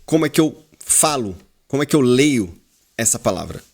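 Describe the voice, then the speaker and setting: A man with a Brazilian Portuguese accent teaching a class, explaining slowly and repeating words while quizzing his students. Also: medium pitch, animated, creaky. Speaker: Hebrew teacher. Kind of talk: classroom lesson.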